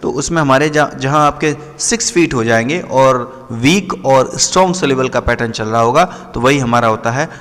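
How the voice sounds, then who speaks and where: A man teaches literary terms in a patient, explanatory way. He reads each English definition out very slowly and checks in often with his students. His mid-range voice carries a long, ringing hall reverb. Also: medium pitch, fairly bright tone. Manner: slows down sharply to read English definitions; repetitive, checks in often with the listener. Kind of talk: explanatory lesson.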